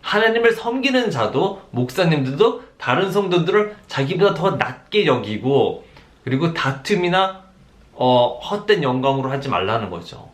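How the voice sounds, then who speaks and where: A man's voice: on the high side, big pitch swings, moderate pace. A man preaching a conversational sermon, often asking his listeners for agreement and acting out the words of harsh pastors. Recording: roomy echo.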